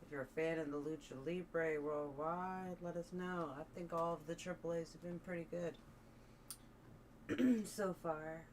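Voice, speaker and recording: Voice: medium pitch, fairly even intonation, unhurried. A stream host chatting casually while commenting live on wrestling. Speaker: watch-along stream host. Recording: livestream with clear background noise.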